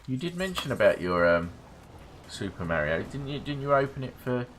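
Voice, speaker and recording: A man's voice: medium pitch, big pitch swings, normal speed, a bit bright. A middle-aged man streaming a game, rambling wryly between asides and swearing casually. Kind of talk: casual gameplay commentary.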